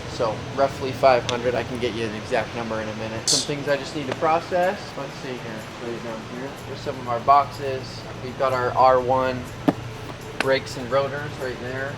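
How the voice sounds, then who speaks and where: A man's voice: medium pitch, background noise. A man talking casually and off the cuff as a manager walking someone through a workplace, pointing things out as he goes. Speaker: warehouse manager giving a tour. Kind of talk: casual walk-through tour talk. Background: background music.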